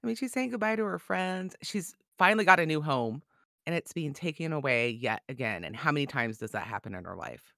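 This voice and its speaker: A man's voice: fairly high pitch, animated, brisk, vocal fry, sharp tone, no room sound, clean studio sound. A man co-hosting a casual book chat who laughs easily and talks earnestly about the moving parts. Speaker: podcast co-host.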